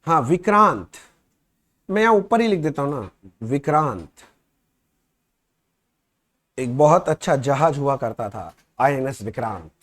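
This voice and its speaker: A man's voice: medium pitch, expressive. A man teaching accounting in a casual classroom lecture, chatting. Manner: conversational, reads questions aloud slowly and loudly.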